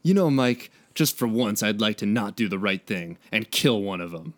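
A man's voice: animated, moderate pace, dry recording, lightly acted. A man reading out a fan story, voicing a hot-headed male turtle brawler who grumbles that he wants to fight. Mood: grumbling. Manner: grumbling, low.

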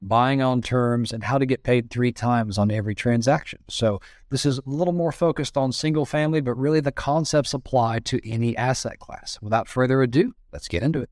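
A man's voice: medium pitch, darkish tone, no echo, clean studio sound. A man with a Southern US accent hosting a podcast interview in a loose, chatty way, full of "you know" fillers. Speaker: podcast host. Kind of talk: casual interview chat.

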